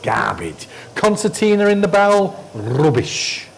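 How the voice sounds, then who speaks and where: A middle-aged man teaches endoscopy hands-on in a hospital training room, coaching a trainee with short blunt instructions and dismissive asides. His fairly high voice is creaky and sing-song, and he never hurries.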